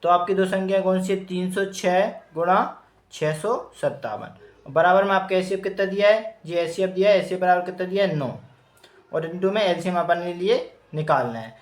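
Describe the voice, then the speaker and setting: A man's voice: high-pitched, brisk. A man working through math problems step by step in an informal lesson, thinking aloud as he calculates. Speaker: math teacher. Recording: echoey room.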